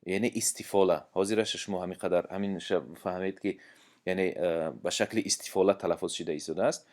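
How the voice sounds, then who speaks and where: A man with a Tajik accent teaching a lesson, explaining patiently with pauses and breaking into slow, drawn-out melodic recitation. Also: deep voice, fairly even intonation, darkish tone.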